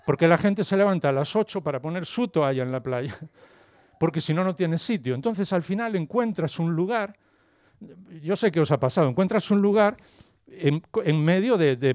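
A man from Galicia with a fairly high voice tells a comic story in an animated way, jumping into the voices of the people he meets. The sound is dry and close. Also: dry recording. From Galicia, Spain. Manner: animated, storytelling, acts out dialogue. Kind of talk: comic monologue.

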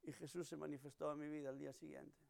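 A man's voice: a little high, level tone, fast talker, creaky, a little mellow. A man preaching a sermon, telling stories and acting out the voices he quotes. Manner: storytelling, acts out quoted voices.

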